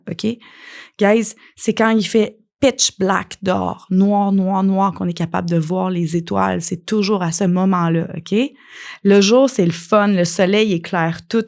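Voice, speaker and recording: A woman's voice: mid-range voice, darkish tone. A woman with a Québécois French accent hosting her own podcast, talking casually and coaching the listener, acting out little scenes as she goes. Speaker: podcast host and life coach. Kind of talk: casual solo podcast talk.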